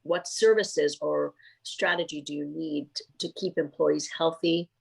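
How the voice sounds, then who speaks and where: A woman's voice: low-pitched, steady tone, a little slow, vocal fry, breathy edge, poor audio. A middle-aged woman from Trinidad and Tobago, a psychotherapist speaking thoughtfully in a podcast interview, with many fillers and restarts.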